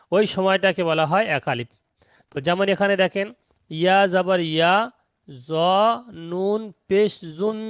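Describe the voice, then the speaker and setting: A man teaching Quran recitation rules in an online lesson, explaining slowly and patiently and repeating each step. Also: high voice, fairly bright tone, clear, resonant tone, no echo, studio quality.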